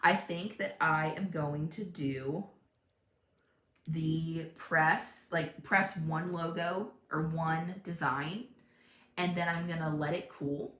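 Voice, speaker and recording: A young woman livestreams crafting from her home craft room, chatting casually, thinking out loud, laughing a lot, and loudly reading viewer comments. Her voice is low with a steady tone and slow pace, and a tablet mic across the room gives it a roomy sound.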